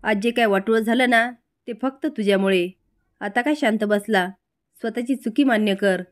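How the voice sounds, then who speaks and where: A woman's voice: fairly high pitch, normal speed, close to an everyday voice. A woman voicing an angry middle-aged village mother who scolds and accuses her brother. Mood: scolding.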